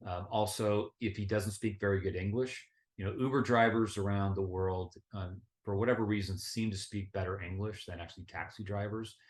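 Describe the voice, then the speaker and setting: A middle-aged man with a relaxed, conversational manner, giving casual travel advice full of fillers and restarts. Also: low voice. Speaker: travel vlogger.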